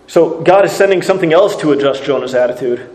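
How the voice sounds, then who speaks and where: A man's voice: fairly high pitch, fast, a little mellow, echoey room, low-quality recording. A man preaching a sermon, reading scripture and asking earnest rhetorical questions.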